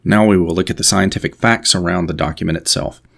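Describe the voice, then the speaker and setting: A man's voice: sits low, steady tone, fast talker, creaky, a bit bright. A man hosting a history video, explaining at length in a digressive, opinionated way, with frequent fillers and asides. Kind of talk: explanatory monologue.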